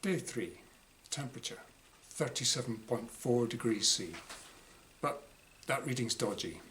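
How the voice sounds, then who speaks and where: A man reads aloud his own first-person diary story, speaking a little slowly in a bright, forward, medium-pitched voice. His wry, exasperated delivery makes it feel like a performed monologue, with some background noise present.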